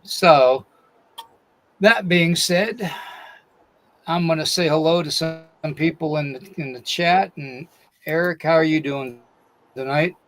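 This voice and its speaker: Taking it slowly and pausing often, a man with a fairly bright voice on the high side hosts a live-stream podcast over poor audio. He reads a long disclaimer, says he's losing his voice, and then greets chat viewers individually by name.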